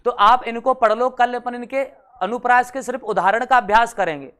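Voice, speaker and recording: A man teaching a class, patiently explaining and reading verse examples slowly. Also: very high-pitched, fairly bright tone, smooth. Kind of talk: classroom lesson.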